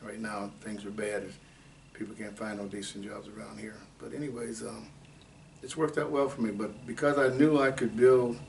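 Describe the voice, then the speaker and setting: A man in his eighties from Ohio, telling his life story in an oral history interview at an unhurried, rambling pace with many fillers. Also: on the low side. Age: 80s. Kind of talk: unscripted life-story reminiscing. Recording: distant mic with faint background noise.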